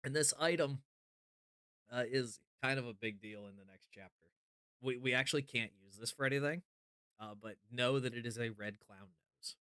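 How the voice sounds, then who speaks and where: A man giving casual, joking horror game commentary, often halting as he thinks aloud on his stream. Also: medium pitch, bright, forceful tone, smooth, no echo. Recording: music behind the voice. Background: game music.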